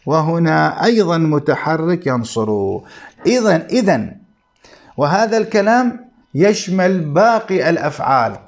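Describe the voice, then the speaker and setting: Slow, deliberate Arabic grammar teacher. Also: male voice, a little high. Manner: slow, deliberate explaining with repetition, addressing students. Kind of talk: classroom lecture.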